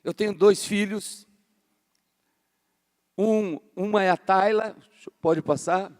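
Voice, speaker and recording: A man's voice: high voice, steady tone, slow pace, a little mellow. A man in his fifties, a pastor from Brazil, preaching a fervent, casual sermon in a large church hall. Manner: fervent, casual, says "cara" a lot. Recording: long hall reverb.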